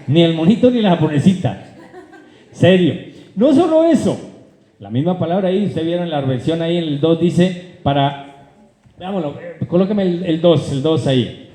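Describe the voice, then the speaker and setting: A male pastor, preaching a lively sermon, calling out loudly and then dropping to low asides, and putting rhetorical questions to his congregation. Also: moderate pace. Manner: animated preaching, swings from loud high calls to low asides; addresses the congregation directly, asks rhetorical questions. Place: church hall. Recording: echoey church hall.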